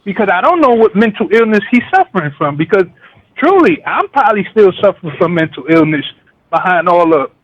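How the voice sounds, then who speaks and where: A man's voice: high voice, sing-song, fairly quick, dull audio. A man calling in to a radio show, talking in a slangy, conversational monologue full of tag questions. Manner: slangy, conversational, repeats "you know what I'm saying". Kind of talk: casual call-in monologue.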